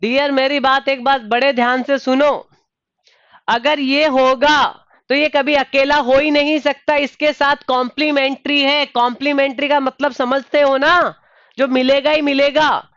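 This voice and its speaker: A man's voice: very high voice, flat delivery, measured pace, a bit bright, no room sound, dull audio. A man teaching a live online engineering class, calling on students by name, addressing them as dear and patiently repeating his questions. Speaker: online exam tutor.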